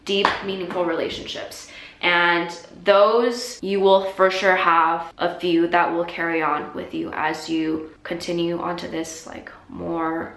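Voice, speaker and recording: Chatty young woman with gravelly fry. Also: lowish voice, little pitch movement, unhurried, reverberant, slight background noise. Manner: chatty and self-deprecating, laughs often, trails off softly. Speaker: YouTuber answering viewer questions. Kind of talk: casual Q&A chat reading comments.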